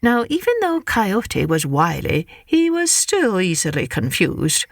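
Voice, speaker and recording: A woman hosting a children's story podcast, reading scripted tales in an expressive, carefully phrased way. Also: mid-range voice, measured pace, creaky, no room sound, studio quality.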